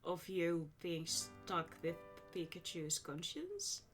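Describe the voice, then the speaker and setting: A woman's voice: fairly low pitch, very animated, takes it slowly. A woman giving casual let's-play commentary in brief, dry asides. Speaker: gameplay commentator. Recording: game music behind the voice.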